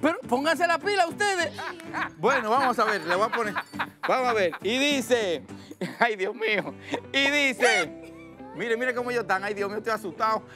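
A man's voice: extremely high pitch, expressive, measured pace, over music. A man with a Dominican accent hosting a live children's quiz show, playful, laughing often and singing little drum-roll countdowns.

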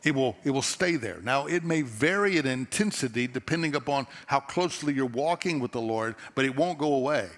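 A middle-aged pastor with a Texan accent preaches from a large church stage to a seated audience, telling stories in an earnest, conversational way and often restarting his phrases. His mid-range voice has lively intonation and runs a little fast with few pauses. He wears a headset mic, and the auditorium adds long hall reverb.

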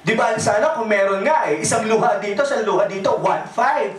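A man with a Filipino accent giving a lively, joking motivational sales presentation, drawing call-and-response from the audience in a large hall. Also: sits high, a little fast, heavy background noise. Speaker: business presenter. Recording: echoey hall, mic at a distance.

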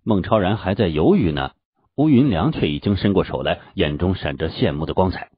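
Husky male audiobook narrator. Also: sits low, brisk, no room sound. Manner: animated storytelling. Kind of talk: scripted fantasy novel narration. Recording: dull, dry lo-fi audio.

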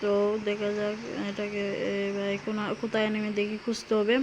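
A young woman with a Sylheti Bengali accent giving chatty, excitable commentary on a mobile game, talking straight to her viewers. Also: medium pitch, brisk, background noise. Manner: chatty, excitable, addresses viewers, frequent exclamations. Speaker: gaming YouTuber.

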